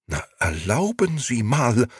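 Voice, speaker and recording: A man's voice: medium pitch, very animated, vocal fry, breathy edge, no room sound, pitched above the performer's own voice, full character voice. A male reader voicing an indignant, insistent lady reporter in a dry recording. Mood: heated. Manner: affronted, insistent, fast-talking.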